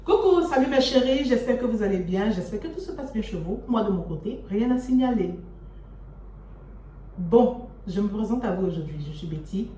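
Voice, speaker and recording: A woman's voice: medium pitch, lively intonation, normal speed, dark tone. A young adult woman chatting casually and familiarly to her viewers as a vlogger, addressing them affectionately. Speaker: vlogger introducing her channel. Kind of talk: casual chat to camera. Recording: roomy echo, distant mic, faint noise.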